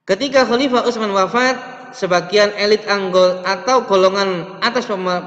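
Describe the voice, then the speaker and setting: A fairly high-voiced young man gives an online lesson, reading his slides and explaining them with restarts along the way. His voice carries a long reverb in a roomy space. The webcam audio sounds dull and lo-fi. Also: a bit bright. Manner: reads slides aloud and adds explanation, with restarts and stretched words. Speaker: teacher.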